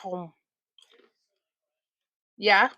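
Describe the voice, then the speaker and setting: A woman's voice: mid-range voice, very slow, sharp tone, no echo, low-quality recording. Giggly chatty woman, dry close sound. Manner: giggly, chatty, laughs often. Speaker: craft vlog host. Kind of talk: casual chat. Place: at home.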